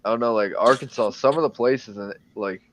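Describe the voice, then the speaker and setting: A man's voice: mid-range voice, a little fast, slight background noise. A man who drives trucks, chatting casually and rambling with lots of "like" and frequent laughs. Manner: rambling, heavy on "like", laughs often. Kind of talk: casual group chat. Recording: dull lo-fi recording.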